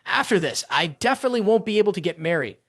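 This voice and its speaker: A man's voice: high voice, animated, fast talker, fairly bright tone, no room sound, studio quality, heavily acted. A man voicing a flustered young woman cultivator. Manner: flustered, stammering. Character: proud young female cultivator, flustered and tsundere.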